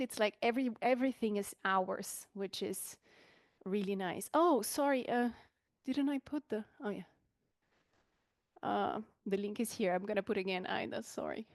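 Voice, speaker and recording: A woman hosting an online welcome session, chatting in a relaxed way with fillers and small laughs over a video call. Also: mid-range voice, dry recording, clean studio sound. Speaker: online event host. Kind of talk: friendly facilitation on a video call.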